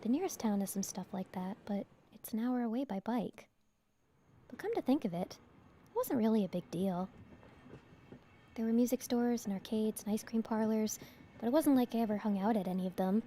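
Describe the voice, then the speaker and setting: A woman from New York giving soft, hushed voice to the narrator of a horror visual novel, as a whispered role-play. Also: on the high side, moderate pace, slight background noise, lightly acted.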